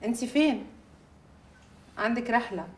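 An actress playing a young, jealous and volatile newlywed bride, speaking with an Egyptian accent. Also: female voice, on the high side, expressive, noisy background. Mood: chatty. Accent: Egyptian Arabic. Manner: jealous, quick to erupt. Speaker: new bride. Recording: film score under dialogue.

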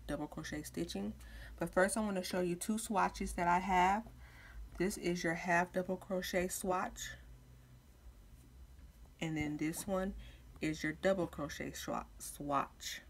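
A woman giving casual step-by-step craft instruction as a tutorial host, informal, with slightly lisped speech from wearing retainers. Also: lowish voice.

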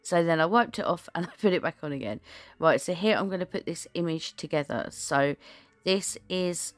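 A woman's voice: low voice, no echo. A woman giving a chatty, rambling voice-over for a nail art tutorial, full of fillers and restarts.

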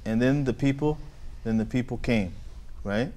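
A man's voice: medium pitch, normal speed, mellow. A man with an American accent telling a moral story to children as their teacher. He keeps asking questions and waiting for the children to answer. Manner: questioning, call-and-response with children.

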